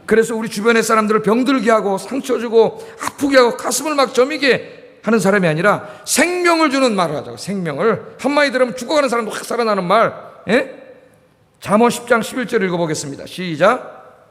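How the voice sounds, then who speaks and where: A man's voice: high-pitched, animated, brisk, a bit bright. A middle-aged male pastor from Korea preaching a sermon, asking the congregation questions and repeating key words. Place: church sanctuary. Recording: reverberant church hall.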